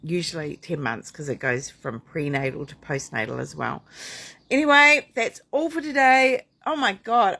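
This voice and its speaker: A woman's voice: on the low side, a bit bright. A middle-aged woman midwife talking to camera in a heartfelt, chatty way, rambling with fillers and restarts. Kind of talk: heartfelt casual talk to camera.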